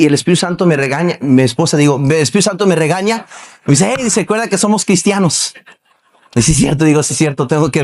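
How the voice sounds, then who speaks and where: A man preaching a Baptist sermon in a church, his voice sitting somewhat high for a man. He talks to the congregation like a conversation, firing off rhetorical questions and slipping into quoted voices. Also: a little mellow. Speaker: pastor. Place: church sanctuary.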